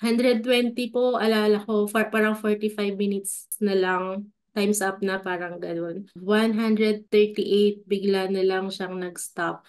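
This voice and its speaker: A woman's voice: mid-range voice, little pitch movement, takes it slowly, darkish tone. A woman from Pangasinan, a nurse, telling a personal story in a polite, casual way, full of respectful particles and fillers. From Pangasinan, Philippines. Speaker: nurse interviewee.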